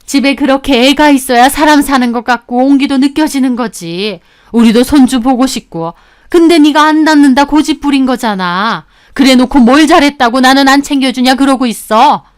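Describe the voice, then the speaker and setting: A woman voicing a blunt, scolding older mother-in-law in a told story, speaking with reproach and slow emphasis. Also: high-pitched, smooth, natural voice. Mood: reproachful. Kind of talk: scripted storytelling.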